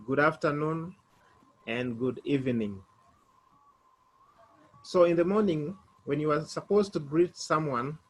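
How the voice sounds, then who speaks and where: A man teaching a beginner French lesson online, spelling words out letter by letter. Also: fairly high pitch.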